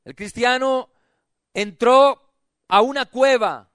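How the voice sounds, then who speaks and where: A man's voice: very high voice, slow, fairly bright tone, dry recording, clean studio sound. A male pastor preaching a sermon with passion, calling on the congregation to repeat after him and acting out the voices of doubters and of God. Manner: impassioned preaching, calls for responses, acts out quoted voices.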